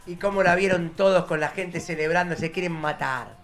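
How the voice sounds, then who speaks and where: A man from Argentina with a Rioplatense accent, hosting a casual live-stream chat in a loud, joking way. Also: high-pitched, moderate pace, faint music behind. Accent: Rioplatense Spanish. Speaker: host.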